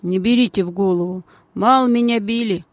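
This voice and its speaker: Женщина озвучивает смущённого грубоватого мальчишку из детской книги, говорит неторопливо и просто. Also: female voice, medium pitch, fairly quick, no echo, lightly acted. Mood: bashful. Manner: gruff, folksy, mumbling. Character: shy, rough-spoken street boy.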